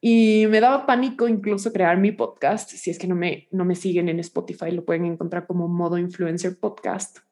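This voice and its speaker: A woman's voice: lowish voice, steady tone, moderate pace, hardly any pauses, darkish tone. A young woman with a slightly nasal voice teaches a recorded online class on social media. She talks casually and directly, stopping often to check that her listeners are following. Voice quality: a little nasal.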